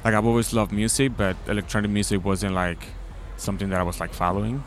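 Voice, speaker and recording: Deep-voiced young man, rambling casual talk. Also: steady tone, fast talker, slight background noise. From Dominican Republic. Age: 20s. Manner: rambling, lots of likes and ums. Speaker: guest DJ. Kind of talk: casual interview. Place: outdoors at a city festival. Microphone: handheld mic.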